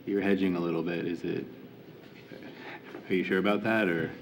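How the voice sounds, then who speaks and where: Board guy with a really deep flat voice, blunt questions, noisy room recording. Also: moderate pace. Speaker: board member questioning at a hearing.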